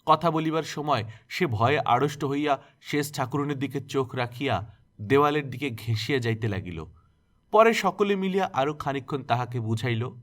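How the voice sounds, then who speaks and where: A man reading a classic novel aloud as an expressive storyteller. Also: mid-range voice, normal speed. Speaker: story narrator.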